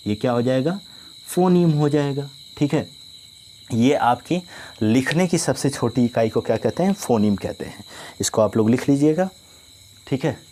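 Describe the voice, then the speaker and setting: A male teacher giving a grammar lesson, dictating definitions slowly and often asking if students follow. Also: mid-range voice, darkish tone, a little hiss or hum. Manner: slow, repetitive dictation with frequent "ठीक है ना?" check-ins.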